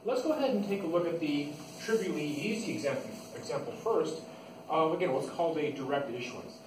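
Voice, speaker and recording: Recorded from afar in a noisy, echoey classroom, a man who teaches accounting lectures informally, explaining each step and restating key ideas. His fairly high voice is animated and runs a little fast.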